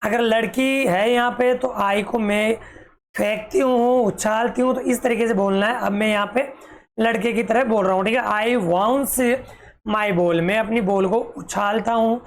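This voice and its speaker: A woman teaching a children's English poem, calling her young pupils fond pet names and dictating meanings slowly. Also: a little high, steady tone, slight background noise. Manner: slow, spelled-out dictation of meanings.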